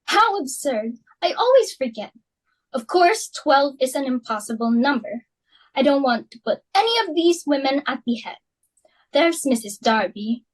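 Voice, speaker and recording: A woman's voice: high-pitched, animated, normal speed, rough recording. A young woman in an amateur dramatic reading, playing a fussy, status-hungry society hostess and mother in a flustered, theatrical way. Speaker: student actor.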